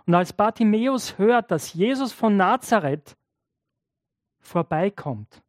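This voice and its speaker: A man's voice: sits high, lively intonation, slow pace, no room sound, clean studio sound. A man preaching a sermon, telling a story in a conversational way and addressing his listeners directly. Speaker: pastor.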